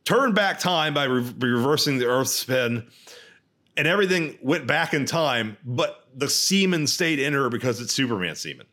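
A man's voice: mid-range voice, moderate pace. A man co-hosting a podcast, talking about movies in a casual, profane way with many restarts. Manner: animated, swearing, rambling restarts. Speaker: podcast co-host.

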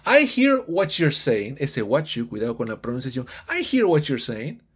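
Husky, lively male English teacher. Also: mid-range voice, normal speed. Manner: animated, switches between explanation and English example phrases; playfully acts out students' questions in raised voices. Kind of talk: online English lesson for Spanish speakers.

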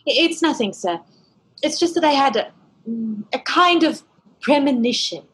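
A woman's voice: sits high, expressive, moderate pace. A woman playing a timid, anxious young male theatre manager who speaks nervously and hesitantly, in an old-time radio drama.

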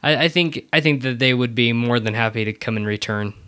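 Conversational podcast host with a mid-range pitch. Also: fairly quick, fairly bright tone, clean tone. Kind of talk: casual chat about Disney.

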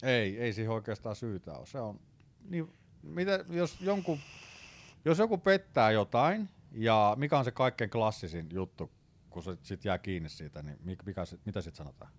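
A man chatting casually on a podcast, telling crude stories with lots of laughter and loud outbursts when he quotes himself. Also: lowish voice. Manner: animated storyteller, laughs often, bursts into loud shouts when quoting himself. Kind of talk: casual chat.

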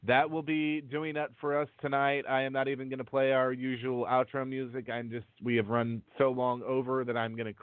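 A man's voice: mid-range voice, level tone, fairly quick, hardly any pauses, no room sound. A man speaking casually as a podcast co-host. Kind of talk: casual chat. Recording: tinny, phone-like dry connection.

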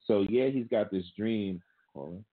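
A man co-hosting a talk show, working through his points with rhetorical questions. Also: lowish voice. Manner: deliberate, asks rhetorical questions. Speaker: podcast co-host. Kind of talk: casual talk-show commentary. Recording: tinny phone-like call audio.

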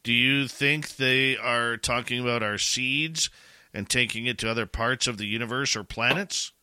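Male podcast host, very bright voice, crisp, joking, reads listener questions, dry room. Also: mid-range voice, normal speed, no room sound. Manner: joking, teasing. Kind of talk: reading listener questions, casual chat.

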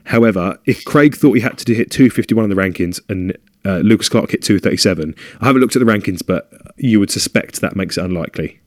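A man's voice: fairly low pitch, fast, hardly any pauses, no room sound, clean studio sound. A man with a British accent co-hosting a podcast in casual chat, rambling and humming filler sounds. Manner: chatty, rambling, hums fillers. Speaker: podcast co-host. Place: home room.

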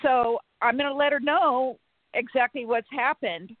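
A woman calling in over the phone, speaking in a measured way and spelling out names letter by letter. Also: high voice, steady tone, dry recording. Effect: heard over a phone line. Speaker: caller. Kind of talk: call-in chat with a psychic show. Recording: tinny, dry phone line.

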